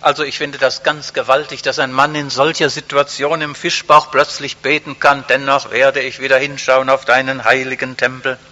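Male preacher, emphatic and direct with the congregation, bright voice, old muffled tape in a reverberant hall. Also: medium pitch, level tone, normal speed, hardly any pauses. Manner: emphatic, repeats key phrases for stress; addresses audience directly and warmly. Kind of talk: evening sermon. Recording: echoey hall, dull lo-fi sound.

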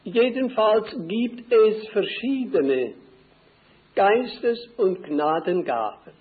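An older man preaching a sermon slowly and deliberately, repeating key phrases for emphasis. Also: high voice, expressive. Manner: slow, deliberate, emphatic repetition. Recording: tinny phone-like old recording.

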